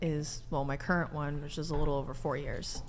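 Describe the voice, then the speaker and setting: Low-voiced woman in her twenties. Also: fairly even intonation, fairly quick, a little hiss or hum. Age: 20s. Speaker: guest. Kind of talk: casual chat.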